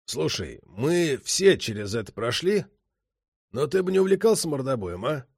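A seasoned male police chief in an audiobook, calm and shrewd in a measured voice as a male narrator voices him. Recorded close and dry. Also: on the high side, no echo. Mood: calm weary.

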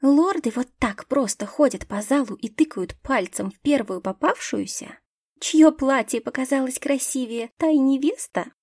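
A woman's voice: sits high, normal speed, a little mellow, no echo, clean studio sound, voice pushed up. A woman voicing a gossipy young female forest-folk student who talks in a conspiratorial half-whisper.

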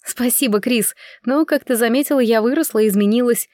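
A woman voicing a proud, mischievous young lady in her twenties, squeaking with indignation. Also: fairly quick, a little mellow, no echo, clean studio sound, natural voice. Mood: indignant. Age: 20s.

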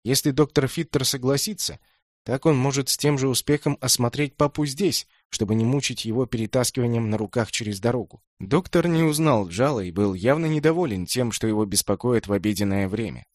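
A man narrating an audiobook in a steady, measured storytelling manner. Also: medium pitch, no echo, studio quality. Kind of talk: audiobook reading.

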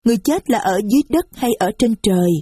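A woman voicing a small, innocent little girl who speaks slowly and sweetly in a storybook reading. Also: a little high, animated, dark tone, breathy edge, no echo, studio quality, pitched above the performer's own voice. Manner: slow, sweet childlike phrasing.

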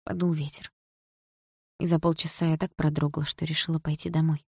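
A woman reading a first-person novel aloud in a quiet, measured way. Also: deep voice, flat delivery, husky, dry recording, clean studio sound. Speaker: audiobook narrator.

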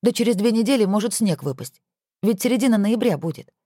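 A woman voicing a lively, witty wife who is an editor, with playful exclamations. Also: mid-range voice, quick pace, no echo, clean studio sound, voice pushed up, close to an everyday voice.

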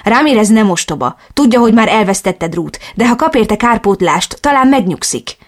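A woman voicing a brisk, reassuring adult man in an audiobook, blunt and ready to curse. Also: a little high, expressive. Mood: tense. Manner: blunt, swears when angry. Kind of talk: audiobook dialogue reading.

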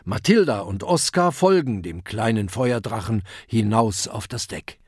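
A man narrating a children's adventure audiobook in a lively storytelling manner. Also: fairly low pitch, a little slow, slightly rough, dry recording, clean studio sound. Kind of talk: scripted narration.

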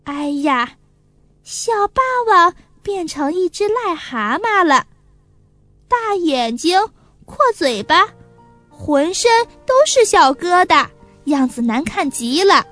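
Very high-voiced woman reading a children's story. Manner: expressive, unhurried narration.

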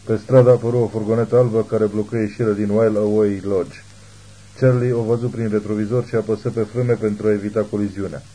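A man narrating an audiobook in a steady, measured reading. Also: fairly low pitch, husky, rough recording. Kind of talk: scripted narration.

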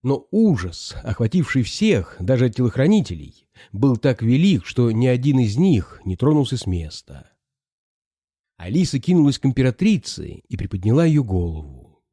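Man, audiobook narration, very lively intonation, dry close sound. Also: mid-range voice, moderate pace, slightly rough, no room sound. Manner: expressive, dramatic.

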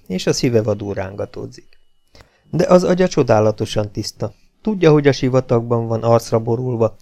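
A man narrating an audiobook in a steady, dramatic storytelling manner. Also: medium pitch. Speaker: audiobook reader.

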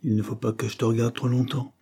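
A man's voice: medium pitch, flat delivery, quick pace, warm tone, slightly rough, pitched above the performer's own voice. A man reading the lines of a fond middle-aged mother in a French storybook, tender and teasing.

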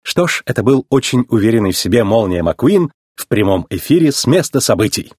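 A man voicing a brisk female television reporter in a storybook reading, asking questions. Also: mid-range voice, lively intonation, darkish tone, slightly rough, no room sound, clean studio sound.

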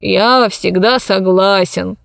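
Sleepy, doddering old man voiced by a woman, audiobook role, dragging slow lines and a lowered pitch, dry close sound. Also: gravelly, no echo. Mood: drowsy. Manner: slow, mumbling, vague. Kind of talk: audiobook character voice.

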